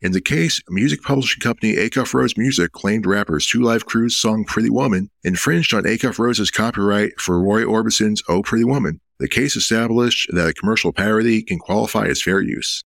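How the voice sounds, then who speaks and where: A man hosting an interview, reading measured questions and scripted narration. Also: on the low side, creaky, fairly bright tone, no echo. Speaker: interviewer and host.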